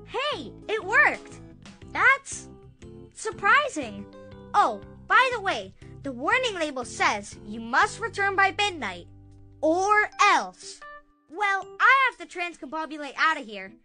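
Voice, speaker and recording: A woman's voice: extremely high pitch, sing-song, slow, pushed and bright, faint music behind, exaggerated voice. A woman playing a breezy, wisecracking fairy inventor in a children's story, with playful, showy exclamations. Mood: surprised, breezy.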